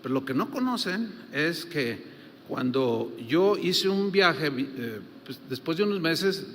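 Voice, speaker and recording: An older Mexican pastor delivers a sermon in a fairly high voice, telling stories conversationally and full of fillers. His voice carries a long reverb from a large church hall. A faint hiss runs under it. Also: lively intonation, slow, a bit bright. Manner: storytelling, conversational with many fillers.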